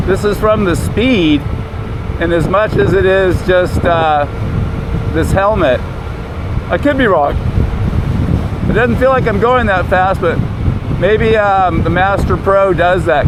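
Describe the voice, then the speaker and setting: A man chatting casually to camera and thinking aloud from inside a helmet as he rides outdoors, with wind noise. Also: sits high. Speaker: vlogger riding an electric unicycle. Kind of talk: casual vlog chat while riding. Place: outdoors on a moving electric unicycle, inside a helmet.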